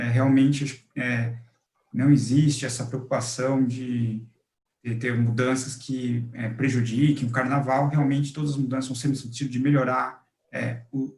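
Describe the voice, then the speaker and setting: A man's voice: mid-range voice, steady tone, a little mellow. Formal man in an echoey room. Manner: formal, halting with fillers. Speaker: official answering questions. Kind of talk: public hearing remarks. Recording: roomy echoey sound.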